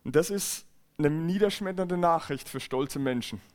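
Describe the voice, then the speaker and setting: A man's voice: on the high side, normal speed, a little mellow. A man preaching a church sermon, earnest and emphatic, often repeating and restarting phrases. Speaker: pastor. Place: church service.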